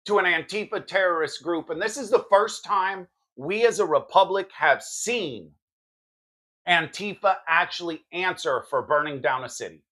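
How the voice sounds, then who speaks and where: A man's voice: sits high, normal speed, sharp tone. A man hosting a political podcast, delivering commentary in an emphatic, combative manner. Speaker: podcast host.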